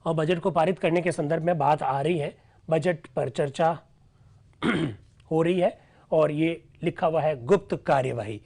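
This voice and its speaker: A man's voice: a little high, a little mellow. A man teaching, reading out old assembly debates and explaining them step by step, often asking a question and answering it himself. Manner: explanatory, asks and answers his own questions. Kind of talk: lecture reading and explaining archival proceedings.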